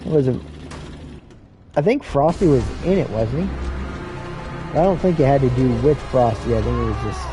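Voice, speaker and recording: A man's voice: mid-range voice, moderate pace, pauses often, over music. A man streaming a game, rambling and swearing through a casual rant. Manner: rambling, profane, ranting. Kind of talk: casual rambling commentary while playing.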